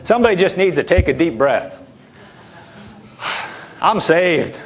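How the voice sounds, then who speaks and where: A man's voice: high-pitched, lively intonation, a little slow. A man preaching a sermon, fervent and repetitive, with frequent hallelujahs.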